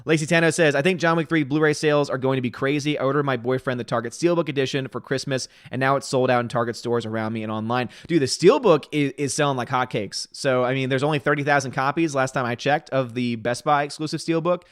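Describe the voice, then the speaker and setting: A thirtysomething man hosts a casual livestream, reading chat messages aloud and chiming in with opinions and quick asides in a chatty way. His medium-pitched voice sounds a bit tired. The recording is dry with clean studio sound.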